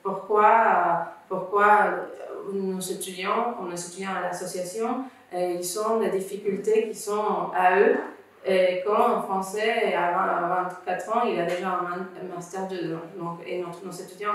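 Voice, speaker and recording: A woman's voice: lowish voice, fairly even intonation, a little slow. A woman from Venezuela, a guest in an interview, earnestly explaining things step by step. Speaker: guest, founder of a refugee student association. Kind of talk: conversational interview. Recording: echoey room, distant mic.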